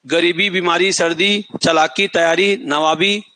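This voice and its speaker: A man's voice: high-pitched, fairly even intonation, a little slow, bright, forceful tone. A middle-aged male coaching teacher giving a classroom lecture, dictating notes, repeating key words and often asking students whether they remember. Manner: sings a film line as an example.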